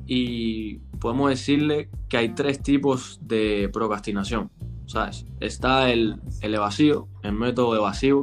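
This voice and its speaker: A man co-hosting a casual chat, relaxed and slangy, laughing easily. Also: medium pitch. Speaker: podcast co-host.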